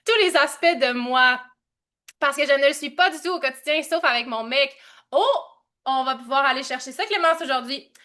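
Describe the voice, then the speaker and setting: Québécois woman coach on a livestream, high bright voice, loud and giggly, slangy. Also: brisk. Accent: Québécois French. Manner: loud, excitable, laughing, mixes English slang. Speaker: coach hosting a live session. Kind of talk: energetic live-stream coaching.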